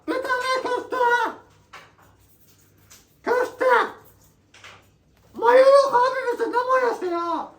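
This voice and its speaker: A shrill, blunt shop clerk, played by a woman in a comedy sketch, bellowing rudely and dragging out her slow words. Her voice is squeaky and sits extremely high. It rings back off the walls of an echoey room. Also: heavily acted. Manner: shouty, rude, drawling. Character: loud blunt clumsy female shop worker.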